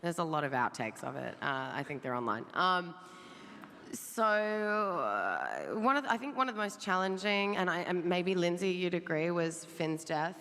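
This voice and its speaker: An Australian woman actor on a convention panel, talking hesitantly with many pauses and ums. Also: fairly low pitch, sing-song, fairly bright tone. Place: large convention hall. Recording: hall reverb, faint noise.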